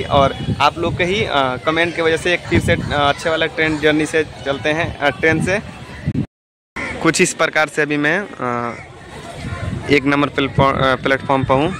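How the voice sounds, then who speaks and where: A young man chats straight to his viewers as he films himself on a phone held at arm's length, often pausing on filler sounds. His voice sits a little high. The clear din of a railway station and a moving train sits behind him. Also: background noise. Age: young adult. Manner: chatty, addresses viewers directly, frequent hesitation fillers. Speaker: travel vlogger. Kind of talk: casual travel vlog. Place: railway platform and train carriage. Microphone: phone held at arm's length for selfie.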